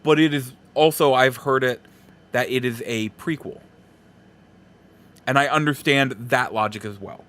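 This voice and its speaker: A man's voice: medium pitch, a little slow, long pauses, fairly bright tone. A man hosting a podcast, talking through a casual, rambling review in a conversational way. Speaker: podcast host. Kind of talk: casual movie review monologue.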